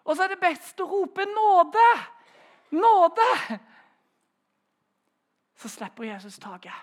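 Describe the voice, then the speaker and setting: A man preaching a sermon in a storytelling way, swinging between loud raised phrases and soft, hushed ones. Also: very high voice, very animated.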